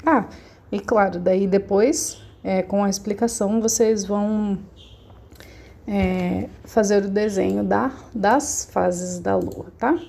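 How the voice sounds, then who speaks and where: A woman's voice: mid-range voice, fairly even intonation, takes it slowly, creaky, mellow. A woman teaching a remote class, explaining patiently and often checking that her students follow.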